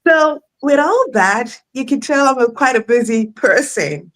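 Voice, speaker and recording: A woman's voice: high voice, animated, unhurried, fairly bright tone, poor audio. A woman in her thirties, a guest in a live online interview, telling her story in a chatty way and laughing often.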